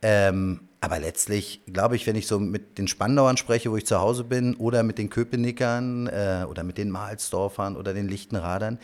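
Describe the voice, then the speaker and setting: A man's voice: lowish voice, fairly even intonation, moderate pace, hardly any pauses. A man from Berlin answering as a political candidate in an interview, telling anecdotes with frequent filler sounds.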